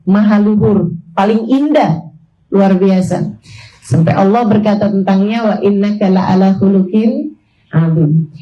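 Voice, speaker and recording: A woman in her forties from Indonesia gives a sermon with a high, light voice. She talks to her listeners as sisters, using everyday workplace examples and casual asides. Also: a little mellow, a little hiss or hum, poor audio. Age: 40s. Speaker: Islamic preacher.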